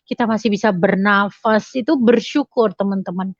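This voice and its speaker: A woman's voice: medium pitch, normal speed, no echo. A woman giving a casual motivational talk to her audience, chatty and full of fillers and tag questions. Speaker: motivational speaker. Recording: dry, slightly dull lo-fi sound.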